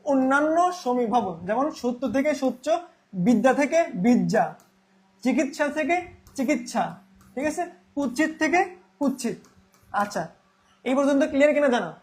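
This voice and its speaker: A man's voice: very high-pitched, fast. A young man teaching a Bangla grammar class, repeating key terms and asking then answering his own questions.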